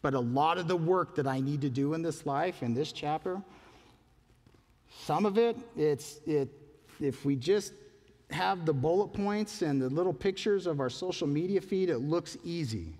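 A man's voice: fairly high pitch, normal speed, darkish tone, big-room sound. A man, a pastor, preaching a sermon in an earnest, conversational way, asking his listeners questions.

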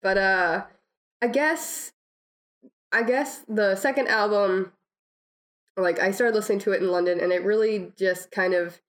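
A young adult woman with a cold, her voice deeper and chesty, chatting casually and informally about music. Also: measured pace, pauses often. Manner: frequent "like", informal. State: has a cold, tickly throat, coughing.

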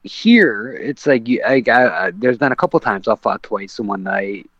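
A man's voice: lowish voice, lively intonation, normal speed, fairly bright tone, dry recording. A man, a professional fighter, telling a story on a podcast in a casual, rambling way with lots of fillers and restarts. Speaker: guest, professional MMA fighter. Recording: dull lo-fi, dry sound.

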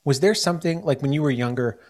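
A man's voice: on the high side, fast, darkish tone. An American man hosting a podcast in casual chat, rambling with many fillers and restarts. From United States. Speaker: podcast host.

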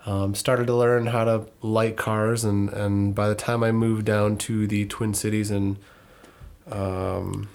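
On a relaxed, conversational podcast, a thirty-year-old co-host from northern Minnesota talks through his story. His fairly low, gravelly voice rambles, backing up to fix details and filling pauses with lots of ums.

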